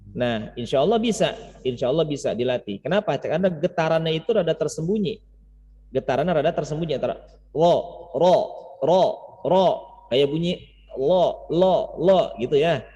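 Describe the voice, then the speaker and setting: A man's voice: a little high, warm tone. A man teaching Quran recitation informally in an online class, explaining and repeating words and syllables to demonstrate, in muffled, reverberant audio. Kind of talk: informal lesson with chanted demonstrations. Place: online class over Zoom, reverberant sound.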